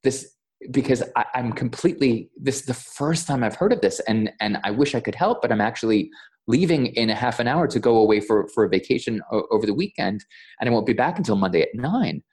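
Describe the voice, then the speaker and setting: A voiceover coach guesting on a podcast tells the story of a mishap in a mid-range, somewhat dark voice, expressive and a little fast. His casual retelling is full of stammers and quoted dialogue.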